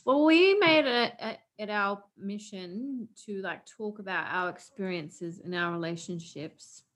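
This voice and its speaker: A woman's voice: medium pitch, measured pace, a bit bright. A woman co-hosting a podcast, speaking earnestly and supportively, giving advice. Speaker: podcast co-host. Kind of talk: casual chat.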